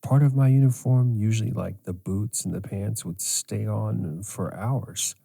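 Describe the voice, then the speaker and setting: A middle-aged man hosting a podcast as a sleep coach, speaking in a slow, measured way. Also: on the low side, gravelly, dark tone, breathy edge. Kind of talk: scripted podcast monologue.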